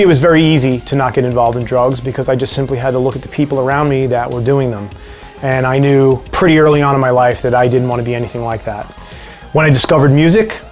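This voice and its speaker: A man with a New York accent answering viewer questions in a casual vlog, relaxed and wry with dry jokes. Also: mid-range voice, quick pace, faint music behind.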